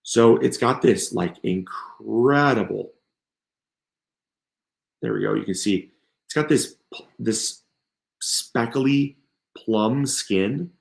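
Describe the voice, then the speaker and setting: A man's voice: lowish voice, slow, vocal fry, pauses often, roomy sound. A man hosting a gardening live stream, gushing over seeds and plants, his voice strained and tired from coughing. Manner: enthusiastic, gushing. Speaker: gardening channel host. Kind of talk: live stream product showcase.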